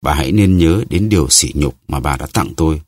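A man's voice: a bass voice, brisk, no echo, studio quality. A man voicing a vain, boastful musketeer who talks in a haughty, self-pitying way.

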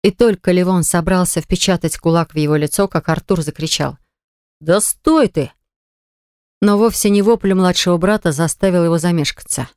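Smooth-voiced female audiobook narrator. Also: lowish voice, no echo, clean studio sound. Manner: even, measured storytelling. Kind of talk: scripted narration.

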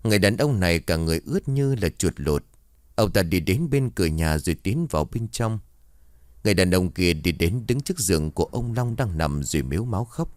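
A male storyteller narrating a horror tale with a low voice. His delivery rises and falls widely, and the sound is dry and close. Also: animated, brisk, no echo.

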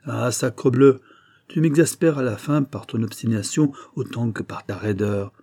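A man's voice: medium pitch, moderate pace, dark tone, no echo, close to an everyday voice. A man voicing a vain, blustering older banker who lectures his son in a familiar, exasperated tone. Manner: familiar, then scolding and exasperated.

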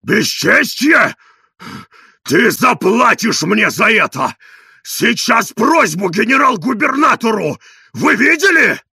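A man voicing a coarse, bullying middle-aged man in an audiobook, shouting in drawn-out outraged bursts with a raspy voice. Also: sits high, big pitch swings, no echo, studio quality, pitched above the performer's own voice, full character voice. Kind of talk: audiobook character reading.

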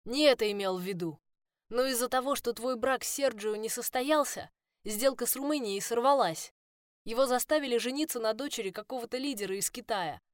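A woman's voice: mid-range voice, moderate pace, no echo, studio quality, lightly acted. A woman voicing a desperate young man in love, pleading, in a first-person audiobook.

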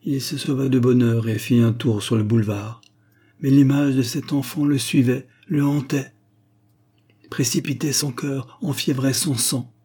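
A man narrating a classic literary story in a measured, expressive storytelling manner. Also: mid-range voice, husky.

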